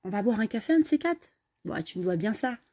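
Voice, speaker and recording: A woman doing a pushy young dude hitting on someone, casual, mellow low-key voice. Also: big pitch swings, fast. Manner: casual, persistent. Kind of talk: storytelling voice acting.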